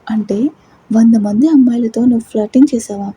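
A woman's voice: a little high, fairly even intonation, fairly quick, slightly rough, low-quality recording. A woman doing a fiery jealous young wife. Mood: furious. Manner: scolding, sharp questioning.

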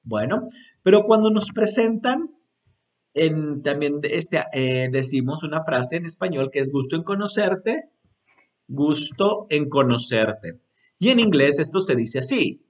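Slow, lively male English teacher. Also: fairly high pitch. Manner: drills English phrases slowly and repeats them, says "este" often. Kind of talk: slow, patient language lesson.

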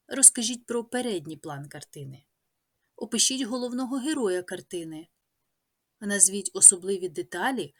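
A woman teacher with a Ukrainian accent, reading a scripted lesson in a measured way and listing words one by one. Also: medium pitch, slightly rough.

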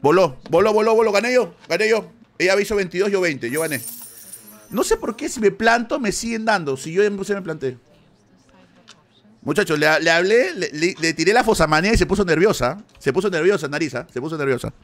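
Excitable Peruvian man streaming live. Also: sits high, a little fast. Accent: Peruvian Spanish. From Peru. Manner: excitable, thinks aloud, yelps when winning. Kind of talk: live gambling stream commentary.

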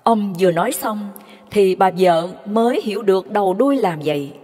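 A woman's voice: medium pitch, animated, mellow. Reverent woman storyteller. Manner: measured, reverent, unhurried. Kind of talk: devotional story narration. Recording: long hall reverb.

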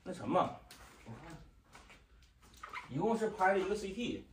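A man in his thirties with a Northeastern Chinese accent chats casually at home, explaining in short, halting, repetitive phrases. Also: sits high, big pitch swings. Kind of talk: casual family chat. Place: home living room, standing while holding a baby. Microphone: camera across the room. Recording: echoey living room, distant mic, faint noise.

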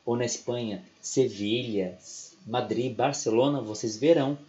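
A man with a Brazilian Portuguese accent teaches an English class online, talking in a chatty, rambling way and checking in with his students again and again. His voice sits at an ordinary middle pitch. The audio is a little dull and lo-fi. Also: fairly even intonation, a little slow, warm tone. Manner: chatty, keeps adding "né?" and "ok?".

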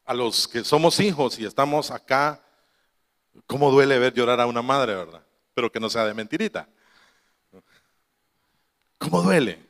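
A man's voice: medium pitch, expressive, normal speed, long pauses, fairly bright tone, in a large hall. A man preaching a sermon to his congregation, telling a family story with quoted voices and laughing asides. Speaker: pastor.

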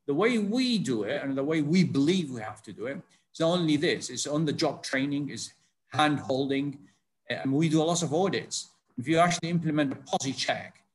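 Older man on a video call, halting. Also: fairly high pitch. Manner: rambling, many fillers and restarts. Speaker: panellist, food safety consultant. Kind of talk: panel discussion on a video call.

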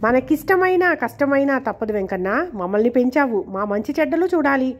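A woman's voice: high voice, animated, fairly quick. A woman reading a coaxing earnest young wife.

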